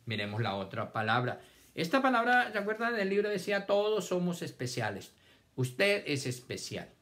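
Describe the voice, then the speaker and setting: A man's voice: high voice, sing-song, normal speed, a bit bright. A man teaching a children's reading lesson, patiently stretching out words syllable by syllable. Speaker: primary school teacher. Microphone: camera on a stand.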